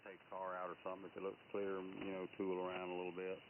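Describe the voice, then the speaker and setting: A man's voice: sits low, completely flat delivery, fast. Man on radio, muffled by noise reduction. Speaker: ham radio operator. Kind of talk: casual on-air chat. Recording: tinny radio receiver with faint hiss.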